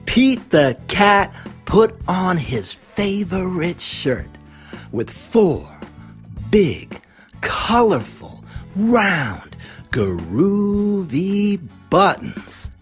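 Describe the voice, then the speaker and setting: A woman reads a children's storybook aloud in an expressive, deliberate way, putting questions to young listeners. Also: fairly low pitch, faint music behind. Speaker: storybook reader. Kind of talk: children's read-aloud narration.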